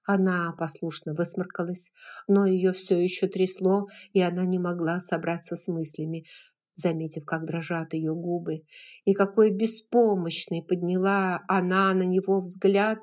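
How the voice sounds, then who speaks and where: A woman narrating an audiobook in a measured, dramatic way. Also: fairly low pitch, level tone, a little mellow.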